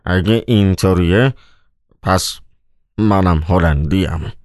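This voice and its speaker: A man's voice: deep voice, darkish tone, no room sound, clean studio sound, close to an everyday voice. A man voicing a nervous, irritable male accountant in an audiobook. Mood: exasperated. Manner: exasperated, incredulous. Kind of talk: audiobook character voice.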